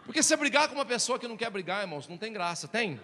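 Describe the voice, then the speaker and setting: A man preaching a sermon as a pastor, telling personal stories in a lively, animated way and calling out to the congregation as brothers. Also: high voice, racing, a little hiss or hum. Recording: reverberant hall.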